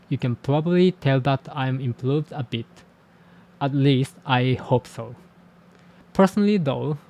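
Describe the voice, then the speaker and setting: A language teacher and channel host whose first language is Japanese talks to camera, reflecting on learning languages. His medium-pitched, warm voice comes across as candid, self-deprecating and measured.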